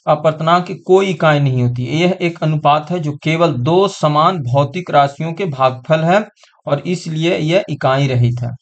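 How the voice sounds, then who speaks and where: Male tutor, slightly high voice, unhurried, drills terms over and over. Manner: repeats terms over and over, checks understanding. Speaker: exam-prep science teacher. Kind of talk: online class lecture.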